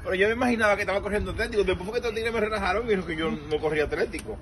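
Animated male vlogger telling a story. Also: sits high, racing, a crowd in the background. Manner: animated, acts out quoted dialogue. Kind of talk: casual storytelling.

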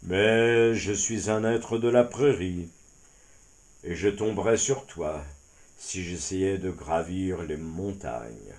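A huge, wise old bison from a storybook, speaking in a deep, low voice, as a man acts him out. He takes his time, unhurried and solemn, every word calm and weighty. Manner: slow, deep, solemn speech. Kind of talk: storybook character voice.

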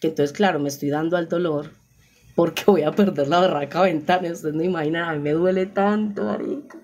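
A young woman with a Paisa Colombian accent chatting casually with viewers on a live stream, exclamatory and quick to laugh, speaking into a phone. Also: lowish voice, darkish tone, slight background noise. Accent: Paisa Colombian Spanish.

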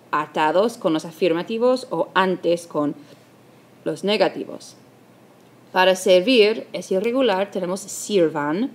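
Woman teacher, lowish voice, unhurried screencast narration, patient, counts things out. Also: a little mellow. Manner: patient, explains step by step; corrects her own slips aloud. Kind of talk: recorded video lesson.

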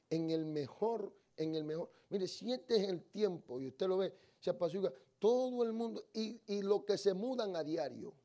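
A man preaching a lively sermon in a church, telling funny stories and moving between quiet asides and loud calls to the congregation. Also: high-pitched. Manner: storytelling, swings between soft asides and loud exhortation. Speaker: guest preacher. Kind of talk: lively Spanish-language sermon with humorous anecdotes. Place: church sanctuary.

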